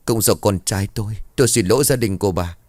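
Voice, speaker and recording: A worried, scolding village mother speaks in hurried bursts, with a man putting her on. The voice stays low and close, with a dry sound. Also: a little mellow, no echo, lightly acted. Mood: subdued.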